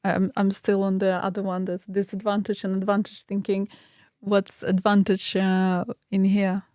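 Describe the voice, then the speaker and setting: A woman's voice: mid-range voice, monotone, moderate pace, darkish tone, clean tone, no room sound, studio quality. A woman from Ukraine speaking English with a Ukrainian accent as an interview guest, candid and self-reflective, often hesitating and restarting. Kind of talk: conversational interview.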